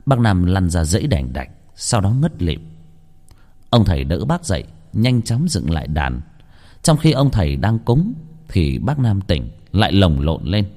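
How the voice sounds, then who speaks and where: Male horror-story narrator, fairly low voice, very lively intonation. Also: a little slow, long reverb tail.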